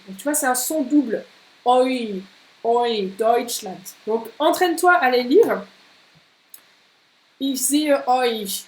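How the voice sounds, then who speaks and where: A woman's voice: a little high, a little hiss or hum. Echoey woman teaching German. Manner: switches between French and slow, clearly spoken German, reading viewers' comments. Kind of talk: live online language lesson.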